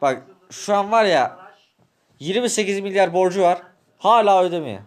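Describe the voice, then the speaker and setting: A man in a Minecraft role-play, bickering in a taunting, rough, slangy way. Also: high-pitched, animated, normal speed.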